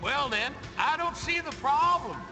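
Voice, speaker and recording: High-pitched, blustery folksy uncle. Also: male voice, animated, measured pace, music in the background, full character voice. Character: folksy, blustery old uncle turned clue seller. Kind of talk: video game voice acting.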